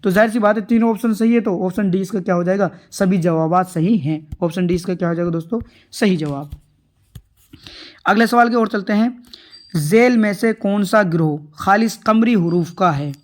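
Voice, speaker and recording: Male tutor, high voice, explains answers step by step with rhetorical questions. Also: normal speed. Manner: repetitive, rhetorical questions, addresses viewers as friends. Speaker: exam tutor. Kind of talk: answer-key lesson.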